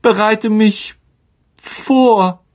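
A man's voice: sits high, very slow, a little mellow, voice pushed up. A man voicing a vain, cowardly male teacher who stammers, in an audiobook reading. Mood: flustered. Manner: stammering, flustered. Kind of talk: audiobook character voice.

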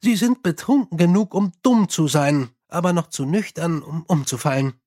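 A dutiful young police captain, read by a male narrator reports politely and efficiently. His voice sits a little high and stays earnest throughout. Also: moderate pace, darkish tone, close to an everyday voice.

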